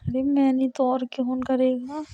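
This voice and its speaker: A woman's voice: high voice, flat delivery, measured pace, dark tone, dry recording. A young woman on a staged romantic phone call, playfully teasing and coaxing.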